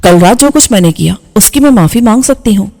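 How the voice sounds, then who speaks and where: Woman reading a scared young woman, soft and hesitant, pleading, audiobook dialogue, middle pitch, faint music. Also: expressive, in a large hall. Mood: upset.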